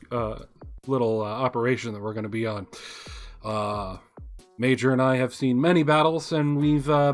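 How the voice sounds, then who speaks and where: A man playing a courteous male officer, second in command, briefing his new pilots. He speaks at an even middle pitch with a bright edge and many small hesitations. Faint music sits behind him. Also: close to an everyday voice. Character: polite male first lieutenant, second in command.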